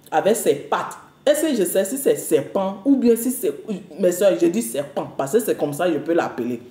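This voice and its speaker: A woman preacher giving a lively, repetitive spoken testimony to a congregation, full of exclamations. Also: mid-range voice, echoey room. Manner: animated, repetitive, storytelling with exclamations.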